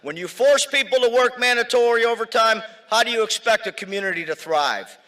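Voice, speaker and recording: A man speaking as a union member at a political rally, shouting emphatic, slogan-like lines. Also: very high voice, expressive, brisk, low-quality recording.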